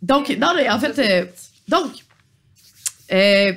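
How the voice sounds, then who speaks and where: A woman's voice: on the high side, lively intonation, takes it slowly, a bit bright, a little hiss or hum. A woman narrating as game master, chatty, with frequent filler sounds.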